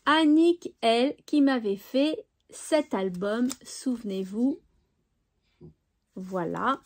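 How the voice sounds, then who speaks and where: A woman's voice: fairly high pitch, drawn-out words. A woman chatting cheerfully to viewers on her crafting channel, with little "hop" sounds as she sorts things. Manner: chatty, cheerful, says "hop" while sorting. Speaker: scrapbooking YouTuber. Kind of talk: casual vlog chat.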